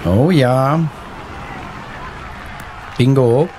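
Guy doing a casual let's play, thinking out loud, medium voice, faint game ambience. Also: medium pitch, extremely slow, noisy background. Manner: thinks aloud. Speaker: gaming video host.

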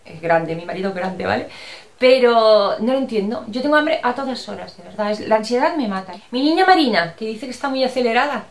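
A woman's voice: on the high side, animated, brisk, vocal fry. A chatty, affectionate middle-aged woman from Spain, casually answering her viewers, with a Spanish accent that slips into Andalusian at times. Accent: Spanish from Spain, with Andalusian touches. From Barcelona, Spain. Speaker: vlogger answering viewer comments. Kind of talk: casual chat. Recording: roomy echo.

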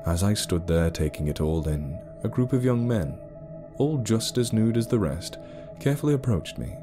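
Low-voiced male story narrator. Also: expressive, normal speed, music in the background.

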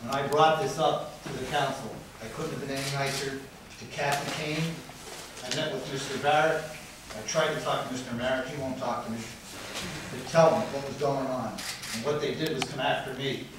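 A man's voice: mid-range voice, fairly even intonation, moderate pace. A middle-aged man giving a heated, accusatory public comment at a council meeting, heard from far back in a large room. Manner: heated, accusatory, rising to near shouting. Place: large wood-paneled council chamber. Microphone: podium mic, recorded from far back in the room. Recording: distant, very echoey chamber, faint noise.

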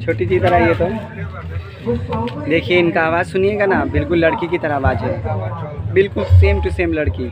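A man's voice: fairly high pitch, steady tone, normal speed, pauses often. A young man hosting a casual backstage vlog, repeating phrases and putting questions to people. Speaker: vlog host of a dance troupe. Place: small mud-walled hut indoors, handheld phone. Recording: loud music behind the voice.

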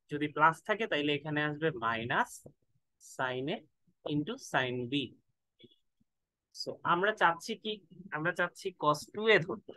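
A man's voice: sits high, pushed and bright, no room sound, rough recording. A man tutoring math in a casual lesson, thinking aloud and stretching words out while he works through formulas. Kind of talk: casual lesson, mixing in English.

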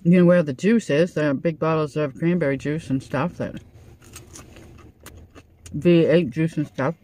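A woman in her sixties makes casual small talk in a car. She chews while talking, as someone does over a relaxed meal. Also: low voice, a little slow, no room sound. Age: 60s. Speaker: vlog host. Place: inside a parked car at night.

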